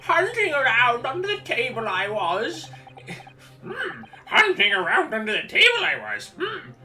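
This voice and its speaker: A woman voicing an eccentric, fretful old man in a video game, with drawn-out, archaic, theatrical delivery. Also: high voice, very animated, pushed and bright, far from the mic, faint music behind, exaggerated voice. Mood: mournful, indignant. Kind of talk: video game character dub.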